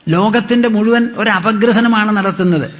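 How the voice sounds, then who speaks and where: A man. He draws out chanted verses slowly and repeats key phrases for emphasis. His voice rings through a large hall with a long echo. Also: high voice. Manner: mixes in English explanations. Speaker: spiritual teacher. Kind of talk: devotional discourse.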